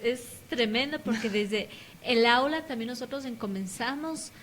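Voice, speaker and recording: Higher-pitched woman radio host. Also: normal speed, fairly bright tone, a little hiss or hum. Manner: brief agreeing interjections. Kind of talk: radio interview.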